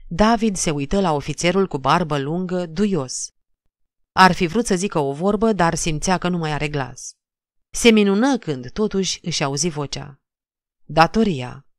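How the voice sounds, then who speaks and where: Woman narrator, lowish voice, dry close recording, measured dramatic literary reading. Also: no room sound. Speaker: audiobook narrator.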